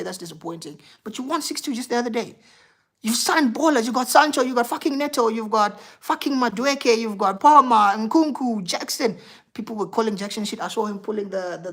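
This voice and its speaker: A woman hosting a football live stream, ranting heatedly and profanely about her team and replying to viewer chat. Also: medium pitch. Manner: reads out viewer chat and replies. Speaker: football livestream host.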